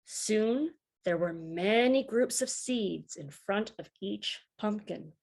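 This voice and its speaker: A gravelly, medium-pitched female voice reads a children's picture book aloud, storytelling in an expressive, deliberate way.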